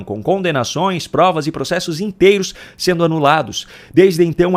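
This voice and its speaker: Casting: male Brazilian political video host, fairly high voice, deliberate and emphatic scripted delivery.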